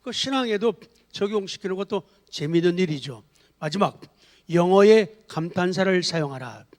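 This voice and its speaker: Male pastor, high voice, chatty sermon full of acted-out exclamations, long church reverb. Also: animated, moderate pace, darkish tone. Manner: chatty, acts out exclamations for the congregation. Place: church sanctuary.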